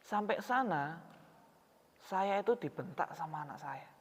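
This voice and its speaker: A male preacher voicing a grieving middle-aged father who speaks in a quiet, subdued way, in an echoing hall. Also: on the high side, expressive, a little slow, husky. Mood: hurt, quiet. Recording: reverberant hall, dull sound.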